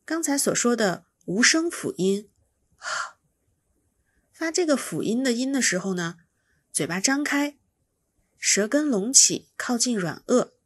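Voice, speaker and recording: A woman's voice: a little high, breathy edge, dry recording. A woman teaching pronunciation, patiently explaining each sound and demonstrating it by repeating it. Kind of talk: slow instructional explanation.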